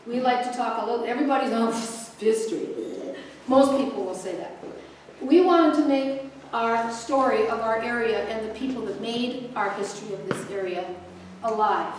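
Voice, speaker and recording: An older woman hosts a community event, chatty and joking with plenty of asides. Her voice sits a little high and reaches the mic from a distance. It rings around a very echoey hall with a faint hum behind it. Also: moderate pace. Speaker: host introducing a speaker. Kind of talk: casual welcome speech to a live audience. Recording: echoey room picked up from a distance.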